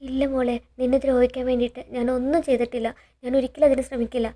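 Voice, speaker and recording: A woman's voice: high voice, little pitch movement, rapid-fire, warm tone. A woman voicing a pleading, tearful older mother in a serial retelling.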